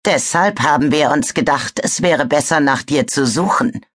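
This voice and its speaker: A woman voicing a cold, menacing male ice dragon who hisses his words. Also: low-pitched. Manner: hissing, slow, icy.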